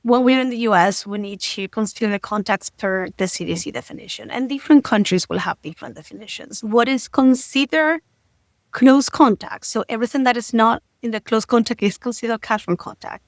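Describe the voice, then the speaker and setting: A woman physician from Argentina, explaining carefully in an interview, in a measured way with many "like" and "right?" tags. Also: fairly high pitch, no echo. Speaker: infectious disease physician guest. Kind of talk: expert interview answer.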